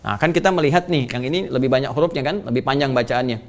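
Gravelly man teaching an Islamic lesson. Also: medium pitch, quick pace. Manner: casual explaining with lively prayer passages. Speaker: religious teacher.

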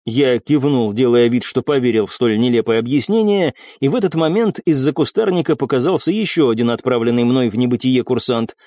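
A man reading first-person narration as an expressive audiobook narrator. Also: medium pitch, a little fast, hardly any pauses, no room sound, clean studio sound. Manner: expressive storytelling.

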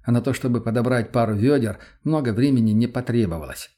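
A man narrating a first-person audiobook in an even, unhurried way. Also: medium pitch.

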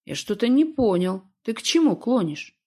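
A woman reading an audiobook, voicing a calm, evasive man who talks in an unhurried, teasing way. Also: a little high, husky. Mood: calm, coaxing. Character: calm, evasive middle-aged man, smooth talker.

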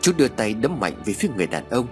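A man reading a ghost story aloud as a scripted audiobook narration. His pitch moves in a lively, animated way, and steady background music plays under his voice. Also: very fast. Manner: expressive, dramatic reading.

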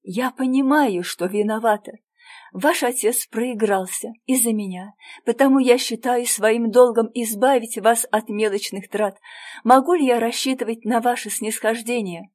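A woman's voice: fairly high pitch, moderate pace, a little mellow, natural voice. A woman voicing a remorseful young woman gambler in a storybook reading, pleading and earnest.

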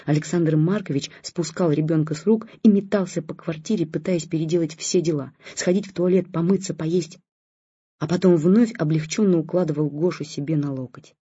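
A reader giving calm, even scripted audiobook narration, in a dull lo-fi recording. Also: medium pitch, brisk, husky, dry recording.

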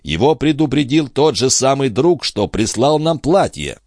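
A man's voice: medium pitch, big pitch swings, normal speed, darkish tone, no echo, clean studio sound, pitched above the performer's own voice. A man voicing a hot-tempered, blustering nobleman in an audiobook. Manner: brash, emphatic. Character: blustering French viscount, hot-tempered, boastful.

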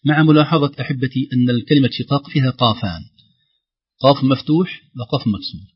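A man teaching Quran recitation rules, explaining patiently and slowly reciting examples. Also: medium pitch, breathy edge. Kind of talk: tajweed lesson with recited examples. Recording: dull lo-fi audio.

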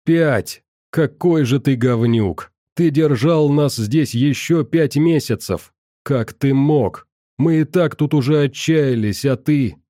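A man's voice: medium pitch, slow, no echo, clean studio sound, pitched above the performer's own voice, close to an everyday voice. A man voicing an enraged young woman who screams insults at someone. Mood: outraged. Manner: yelling, insulting. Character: furious young woman, hot-tempered.

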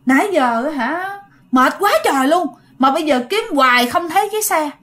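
A woman's voice: high-pitched, animated, normal speed, fairly bright tone, voice pushed up. A woman voicing a terrified man dragged off by ghosts, screaming and panting.

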